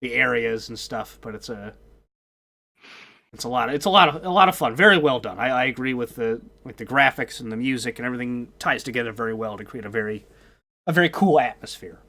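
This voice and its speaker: A man's voice: medium pitch, a little fast, sharp tone. A man co-hosting a gaming podcast, chatting casually in a playful, chatty way. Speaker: podcast co-host.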